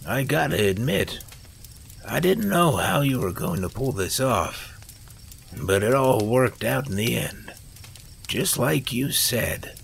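Man doing a gloating turncoat villain, mocking and boastful, pitched higher than his low voice. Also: sing-song, gravelly, a little hiss or hum, exaggerated voice. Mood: uneasy. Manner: mocking, boastful, quick to shout. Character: cackling treacherous male villain, gloating.

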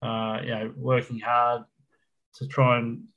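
A man's voice: medium pitch, completely flat delivery, slow, a bit bright. A middle-aged Australian man chatting casually about football as a fan co-host, talking in a blokey, slangy manner like an Aussie tradesman. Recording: dull lo-fi voice channel.

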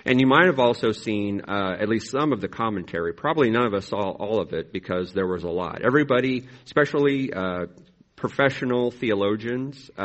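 Guy pastor preaching kinda casual and halting, lowish voice, slightly awkward diction from braces, bit muffled audio. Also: fairly bright tone. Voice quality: slightly impeded articulation from new braces. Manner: halting, reflective, informal. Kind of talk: conversational sermon.

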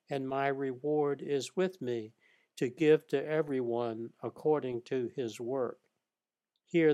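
A man narrates a Bible study lesson, reading each scripture passage in a measured, even way. His pacing is unhurried and deliberate, and his voice sits at an ordinary middle pitch.

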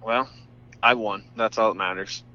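A man's voice: lowish voice, steady tone, moderate pace, pushed and bright. A man calling in by phone from his pickup truck. He banters in a dry, teasing way. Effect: heard over a phone line. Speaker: phone-in guest. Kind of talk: casual phone chat. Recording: muffled phone line.

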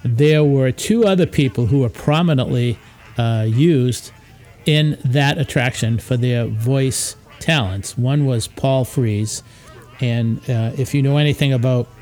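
A man hosting a podcast, telling history in a relaxed, casual way, often pausing with uh and um. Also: mid-range voice, soft background music. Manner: relaxed, hesitant, with frequent uh and um. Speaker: podcast host. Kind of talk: casual informal history talk.

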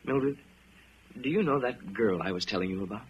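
An actor playing a troubled, questioning fireman in a radio drama, earnest and halting. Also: on the low side, animated, natural voice. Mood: subdued, anxious. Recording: noisy, slightly dull radio drama recording.

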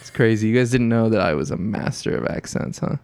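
A man's voice: lowish voice, a little mellow, smooth, dry recording. Teasing male podcast host, dry mic. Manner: playful, teasing, rapid intros. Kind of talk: casual banter.

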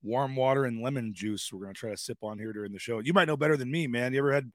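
Hoarse-voiced man hosting a sports show. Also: mid-range voice, no room sound, clean studio sound. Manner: halting, many fillers and restarts. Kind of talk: live sports talk show.

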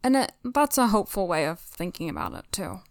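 A woman's voice: medium pitch, sing-song, brisk, creaky, no room sound, clean studio sound. A woman co-hosting a podcast, casually and reflectively discussing a TV episode, with many "like"s. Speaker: podcast co-host.

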